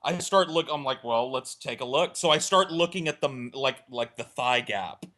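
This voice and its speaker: A mid-range male voice spins a meandering, vulgar funny story for a laid-back podcast, performing the dialogue with gusto at a moderate pace.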